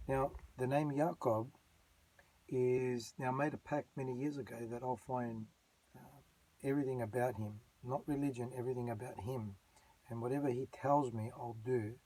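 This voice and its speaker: A man's voice: medium pitch, dark tone, slightly rough, poor audio. A middle-aged man giving a personal religious testimony in an earnest, rambling way, with many fillers and restarts. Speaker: channel host giving his testimony.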